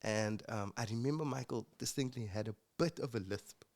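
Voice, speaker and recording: A young man, a musician guest, telling his personal story in an earnest, reflective way with halting restarts. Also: mid-range voice, darkish tone. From South Africa.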